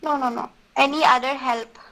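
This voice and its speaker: A woman's voice: high-pitched, steady tone, normal speed, vocal fry, a bit bright, low-quality recording. Woman teacher calling on students. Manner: encouraging, calls names and repeats prompts. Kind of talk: online class drilling students.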